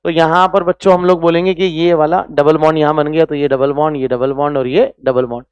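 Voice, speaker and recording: A man whose voice is on the high side teaches chemistry online, briskly and in a level, clear, resonant tone. He mixes Hindi with English phrases, keeps quizzing students with rhetorical questions, and throws in scolding, motivational asides. The recording is dry with the highs cut off.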